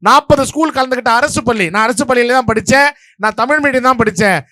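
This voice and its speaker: A man from Vellore district in Tamil Nadu, judging a stage debate and giving his verdict in a rapid, playful, story-driven speech to a live audience. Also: very high voice, pushed and bright, no room sound, studio quality. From Vellore district, Tamil Nadu, India.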